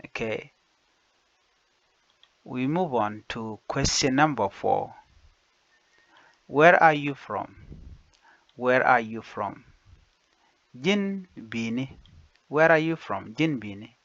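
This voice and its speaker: A man teaching basic phrases, saying each one slowly and repeating it in two languages. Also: mid-range voice, lively intonation, fairly bright tone, no room sound. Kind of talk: slow phrase-by-phrase language lesson. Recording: dull lo-fi dry recording.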